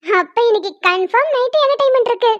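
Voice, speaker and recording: A woman voicing a cheeky younger sister who teases in a drawn-out, mocking way in a cartoon. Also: extremely high pitch, lively intonation, no room sound. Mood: teasing. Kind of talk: cartoon voice acting. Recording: dull lo-fi dry recording.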